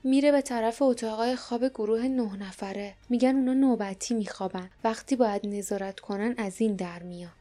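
A fearful young woman who works in a kitchen, speaking low and anxiously, played by a woman narrator. Her voice sits a bit higher than the storybook narration, with faint music underneath. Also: hardly any pauses, mellow, close to an everyday voice. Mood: hushed worry.

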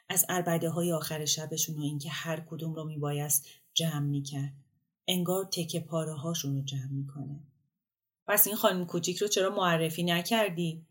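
Woman reading a short story out loud, low voice, calm and measured, audiobook feel. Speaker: story reader. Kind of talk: audiobook narration.

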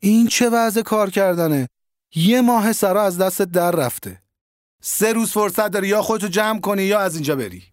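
A man voicing a stern, quick-tempered older male carpet merchant who scolds gruffly in sharp outbursts, in an audio story. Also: high voice, animated, dry recording, clean studio sound, pitched above the performer's own voice. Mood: angry scolding.

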